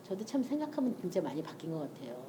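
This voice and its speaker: A woman's voice: on the low side, very animated, rapid-fire, background noise. A middle-aged woman giving a testimony-style sermon, telling family stories animatedly and acting out the dialogue with frequent laughter. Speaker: church speaker sharing testimony.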